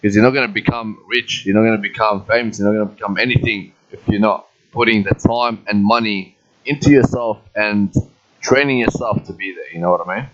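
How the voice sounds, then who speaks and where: Low-voiced man on a dull mic. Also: brisk. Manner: relaxed, filler-heavy, hesitant "um". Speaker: podcast co-host reading comments. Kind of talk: casual podcast chat.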